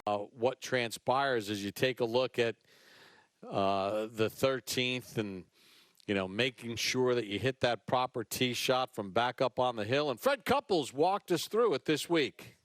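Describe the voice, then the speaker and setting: A man's voice: mid-range voice, lively intonation, unhurried, fairly bright tone, no echo, studio quality. A man calling golf play-by-play as the lead commentator. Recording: clear outdoor ambient noise behind.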